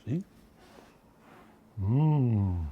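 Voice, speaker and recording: A man walking through a recipe in his home kitchen with a relaxed, folksy manner. He chats and wanders off into side stories between steps, in an ordinary mid-range voice. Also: mid-range voice, very slow, breathy edge, phone-quality sound. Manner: chatty, rambling, folksy. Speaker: home cooking vlogger. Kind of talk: casual recipe demonstration.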